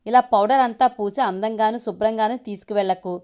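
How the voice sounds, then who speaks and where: A woman's voice: mid-range voice, steady tone, a little fast, darkish tone, clean tone, lightly acted. Lady reading out a nasty greedy husband, scornful and bossy, audio story. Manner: scornful, demanding. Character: harsh greedy young husband.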